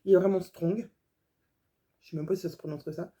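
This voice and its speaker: A woman's voice: lowish voice, fairly even intonation, rapid-fire, warm tone. A woman sewing vlogger chatting casually through a haul video, gushing over small details with lots of fillers.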